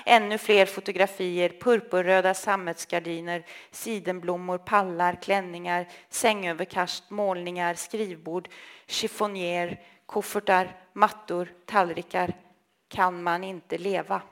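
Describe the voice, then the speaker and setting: A woman reading a literary text aloud in a slow, measured, intimate way. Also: fairly low pitch, fairly even intonation. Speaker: reader.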